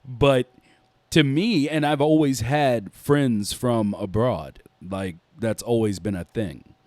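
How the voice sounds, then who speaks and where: A man who is a native English speaker hosts a casual chat in a deep, smooth, low magnetic voice, with an informal, familiar way of talking. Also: slow pace, darkish tone, no echo. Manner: informal, familiar, addresses others as man and bro. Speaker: host.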